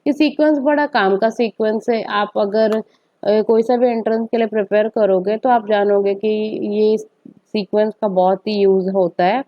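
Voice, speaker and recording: A woman's voice: medium pitch, fairly even intonation, normal speed, dull audio. A woman teacher gives a step-by-step maths lecture, often asking rhetorical questions and checking in with "okay".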